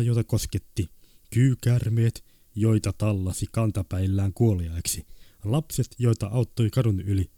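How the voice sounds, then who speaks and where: A man's voice: on the low side, warm tone, dry recording, studio quality. A man reading short stories aloud in a terse, clipped, matter-of-fact way. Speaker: story reader.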